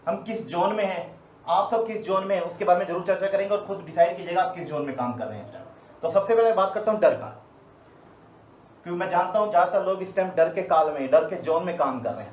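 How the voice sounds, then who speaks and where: A man's voice: a little high, a little mellow, a little hiss or hum. A man giving a live motivational training session to his team, telling stories and asking rhetorical questions. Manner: storytelling, rhetorical questions, emphatic. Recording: echoey room, faint ambience.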